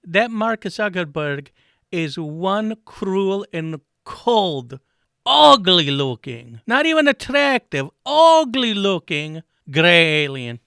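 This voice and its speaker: Guy doing a bright smooth high voice, excitable, broken english, goes off on rants. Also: moderate pace, dry recording, clean studio sound. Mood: ranting. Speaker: host. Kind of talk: comedy sketch.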